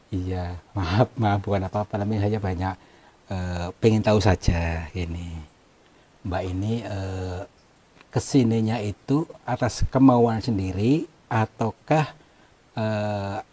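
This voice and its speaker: A man exploring a cave, talking in a hushed, hesitant and apologetic way with many fillers. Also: low-pitched. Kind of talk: hushed polite on-location talk.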